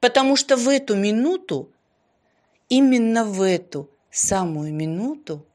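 A woman narrating a fairy-tale story in a gentle, expressive voice that often drops to a hush and stretches words out. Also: a little high, measured pace.

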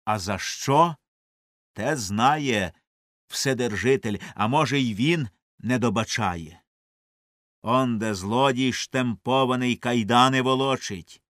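Man declaiming a poem slowly. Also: medium pitch, no echo, studio quality. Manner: declamatory, with sweeping swings from hushed to loud. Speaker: reciter. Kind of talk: dramatic poetry recitation.

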